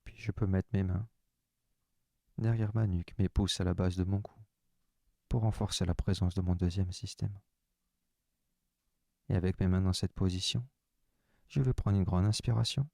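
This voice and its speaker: A man with a very deep voice guides a slow relaxation session. He speaks softly and calmly, in the first person, leading breathing and stretching. The sound is dry and close, with no room echo. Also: vocal fry. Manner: slow, soft, calm first-person instructions.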